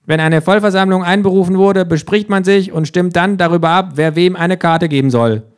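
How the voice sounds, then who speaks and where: Pushing his voice up into a high pitch, a man narrates rules like an audiobook, playing a sardonic kangaroo who smugly mocks and lectures all around him. The delivery is clear, resonant, natural and slightly quick.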